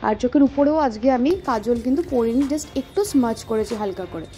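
A woman's voice: fairly high pitch, quick pace, dark tone. A young woman, chatting casually in a vlog as she gets ready and does her makeup, sounding tired. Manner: chatty, talks while doing her makeup. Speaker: vlogger. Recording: music playing underneath.

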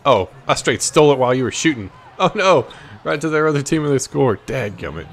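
An American man hosts a gaming video, trash-talking in a casual, playful way while he plays a basketball video game, jumping between exclamations and muttered asides. His mid-range voice is sing-song and fairly quick. Soft background music plays along with the game sounds.

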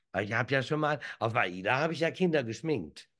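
A man's voice: mid-range voice, animated, normal speed, fairly bright tone. A man in his fifties co-hosting a casual comedic chat over a video call from home, rambling and joking with many restarts. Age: 50s. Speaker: co-host. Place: room at home, indoors. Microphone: video call webcam.

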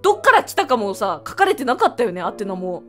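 Gushing let's-play host, a woman; high and very animated. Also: quick pace, soft background music. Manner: excitable, gushing, animated reactions. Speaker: game streamer.

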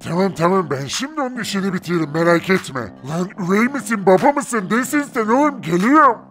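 A performer voicing an excitable, dim-witted male sidekick in an amateur cartoon parody, blustering, exclamatory and indignant. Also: mid-range voice, a little fast, soft background music, natural voice.

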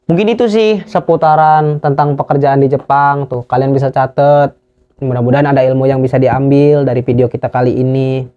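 A man's voice: medium pitch, steady tone, brisk. A young man from Indonesia giving casual advice for work trainees, repeating each phrase again and again. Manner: repetitive, drills phrases again and again. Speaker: YouTuber giving tips for work trainees in Japan. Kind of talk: casual instructional vlog. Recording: dull lo-fi recording.

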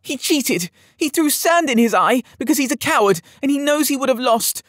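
A man voicing a spoiled young boy lord who cries and rages in a shrill, sobbing tantrum. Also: lively intonation, normal speed, fairly bright tone, no room sound, studio quality. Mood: tearful rage. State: crying. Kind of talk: audiobook character voice.

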